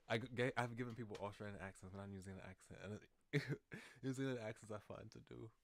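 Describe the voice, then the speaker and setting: A man's voice: fairly low pitch, fairly even intonation, normal speed. Chatty man reading a game aloud. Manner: chatty, laughs often, trails off. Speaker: streamer. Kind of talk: reading a visual novel aloud with commentary. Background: game music.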